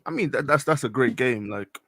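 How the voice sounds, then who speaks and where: A man's voice: medium pitch, fairly quick, fairly bright tone. A man aged twenty in casual chat about football, skeptical and questioning, hedging with like. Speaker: podcast co-host.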